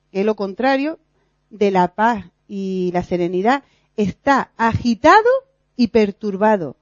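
A woman's voice: medium pitch, no room sound, dull audio. A woman giving an earnest, confessional religious teaching, acting out her own worries aloud and laughing at herself. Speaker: lay teacher in a church group.

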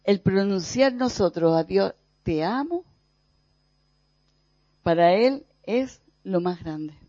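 A preacher from gives a reflective spiritual teaching, speaking thoughtfully with pauses and soft repetitions. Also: mid-range voice, lively intonation, dry recording. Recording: dull, dry lo-fi recording.

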